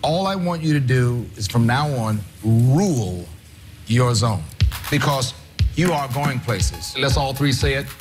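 A man's voice: mid-range voice, measured pace, over music. Effusive talent show judge, a man. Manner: expressive, effusive exclamations.

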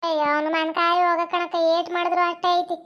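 A woman's voice: very high voice, level tone, quick pace, highs cut off, pitched below the performer's own voice. A woman voicing a tired village woman who complains wearily about her son, with a North Karnataka Kannada accent. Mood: weary.

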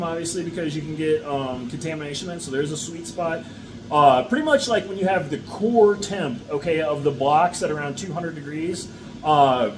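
Chatty man explaining his farm setup. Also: a little high. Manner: chatty, peppered with "okay?" and "all right?". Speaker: mushroom farmer. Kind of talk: casual how-to talk to camera. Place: indoor farm room with grow shelves. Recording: steady background noise.

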